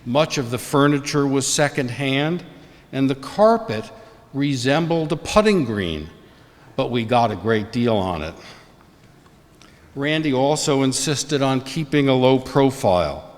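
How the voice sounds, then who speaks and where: An older man reads a formal memorial tribute in a large, echoing hall. His delivery is slow and deliberate, at a medium pitch for a man. Each measured phrase trails into long reverb. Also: animated. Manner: measured, formal, deliberate reading of written remarks. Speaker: eulogist, former colleague and professor. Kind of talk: prepared memorial eulogy.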